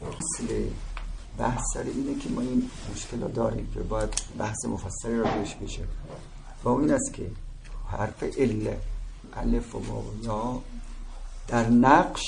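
In an echoey room with faint ambient noise, a man gives a religious seminary lecture in a medium-pitched, fairly even, creaky voice with long pauses. He explains step by step and keeps checking that students follow, often asking "درست شد؟".

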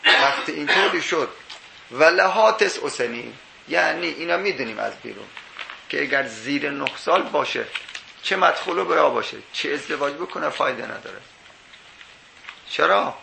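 A man lecturing on jurisprudence with a heavily gravelly, bright, slightly high voice. He reasons point by point, weaving in Arabic quotations and rhetorical questions. The sound is roomy, as in an echoey classroom. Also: expressive, slight background noise. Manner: explains step by step, quoting Arabic texts and asking rhetorical questions. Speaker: teacher of Islamic jurisprudence.

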